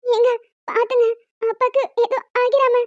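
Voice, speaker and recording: A woman's voice: very high voice, little pitch movement, measured pace, no room sound. A woman voicing a young wife in a cartoon serial, pleading and tearful for her father. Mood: curt. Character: young wife, loving and desperate daughter. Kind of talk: Tamil cartoon serial voice acting. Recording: dull lo-fi sound.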